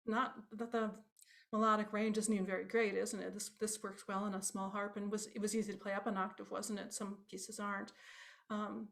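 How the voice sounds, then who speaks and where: A woman's voice: medium pitch, creaky, fairly bright tone. A woman teaching a harp workshop over a video call, chatty and conversational, quizzing her class with little tag questions as she goes. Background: harp playing.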